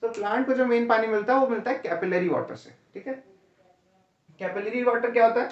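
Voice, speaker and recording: A man's voice: extremely high pitch, brisk. A man lecturing students for an exam, explaining one step at a time and casually checking in with them. His voice sounds far from the mic in an echoey room. The recording is a little dull and lo-fi. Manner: explains step by step, keeps asking "है ना?" and "ठीक है?"; calls students "भैया". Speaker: teacher. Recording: roomy, distant, dull lo-fi sound.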